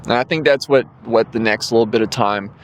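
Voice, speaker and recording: A man in his 20s hosts a solo podcast, rambling loosely with lots of ums and the occasional yawn because he's drowsy. His mid-range voice moves fairly quickly, with a little hiss or hum in the audio.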